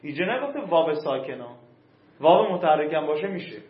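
A man's voice: on the high side, very animated. A man teaching a class, stretching out key terms and checking that his students follow. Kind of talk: classroom lesson on Arabic grammar rules. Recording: echoey, slightly dull room recording.

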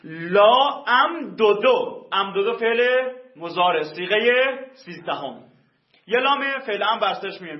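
High-voiced man teaching grammar, roomy. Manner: slow drawn-out spelling of example words. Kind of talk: explaining grammar lesson. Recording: roomy muffled lo-fi recording.

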